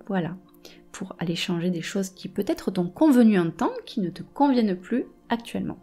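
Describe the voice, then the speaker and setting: Mellow, creaky woman explaining informally. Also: mid-range voice, lively intonation, normal speed, faint music behind. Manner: hesitant, searching for words, checking in with the listener. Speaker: meditation and hypnosis teacher.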